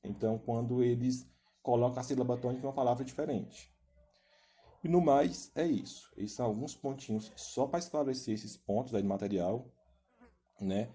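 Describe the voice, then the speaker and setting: A man with a very dark, mellow voice teaches a recorded video lesson. He explains things step by step, often tagging his phrases with a quick question to the class. His tone stays steady and instructive. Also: mid-range voice. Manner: explanatory, frequent "né?" tags.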